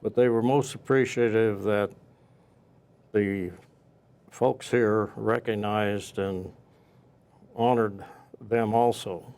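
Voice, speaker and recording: With a clear, resonant, steady tone that is a little mellow and fairly low in pitch, a man serving as a guest local historian recounts the past in an interview, speaking off the cuff and haltingly with pauses mid-sentence.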